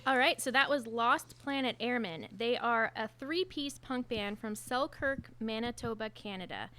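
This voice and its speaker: A woman's voice: a little high, normal speed, sharp tone, soft background music. A woman co-hosting a podcast who introduces songs and chats in a friendly way. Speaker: podcast co-host. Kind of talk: casual chat.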